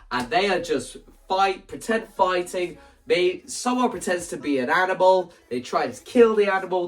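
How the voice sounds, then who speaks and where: A man's slightly high voice, recorded from a distance, rambles through an animated vlog explaining a musical's staging. As a content creator, he acts out scenes and quotes lines while describing the production.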